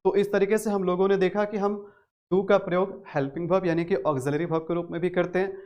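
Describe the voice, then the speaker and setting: A man's voice: sits high, fairly even intonation, quick pace, dull audio. A man with a Hindi accent teaching a spoken English grammar lesson, repeating key phrases and stressing words hard.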